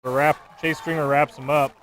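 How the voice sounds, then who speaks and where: A man adding short, easygoing color commentary at a local high school football game. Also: little pitch movement, moderate pace, fairly bright tone. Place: outdoor broadcast stand at a football field.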